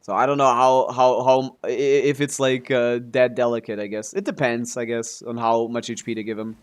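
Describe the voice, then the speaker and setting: Over his livestreamed gameplay, a man in a mid-range voice gives casual commentary, speaking at a moderate pace with a flat delivery and clean tone. He talks as though answering viewers, often hedging or letting sentences trail off as he thinks things through.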